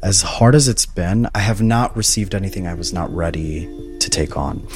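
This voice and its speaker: A man's voice: low voice, normal speed, music in the background. A man in his twenties from Palestine, telling his own story in a thoughtful, earnest way. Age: 20s. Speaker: housing case manager and graduate student. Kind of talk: reflective personal narration.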